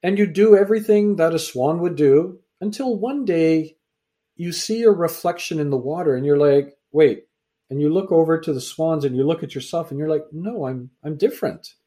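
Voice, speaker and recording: A man's voice: fairly high pitch, normal speed, dark tone. A middle-aged man, born in England and raised in Canada, telling his story as an interview guest and acting out the exchanges he quotes. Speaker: author and guest. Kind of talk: conversational interview.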